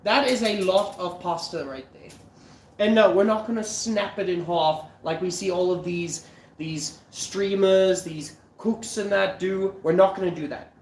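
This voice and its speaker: Speaking a little slowly in a high voice, a livestream cooking host from South Africa, nose stuffed up, chats casually with his audience and occasionally swears. The room sounds roomy, with slight background noise.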